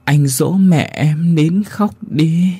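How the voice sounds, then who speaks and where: A man voicing the ghost of a starving little child who pleads slowly and faintly. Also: a little high, mellow, husky, no echo, faint music behind, pitched above the performer's own voice, exaggerated voice. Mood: pleading.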